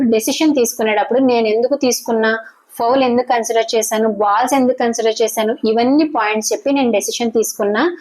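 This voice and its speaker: A woman giving a casual spoken review of a reality show, retelling the arguments quickly and acting out the quoted lines. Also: a little high, poor audio. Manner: fast, animated retelling that acts out quoted lines.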